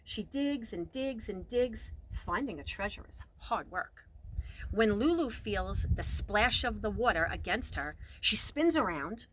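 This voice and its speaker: A woman reads a picture book for children in a mid-range voice at a measured pace, expressively leaning on key words and varying her volume. It's a rough recording, and background noise is clearly present.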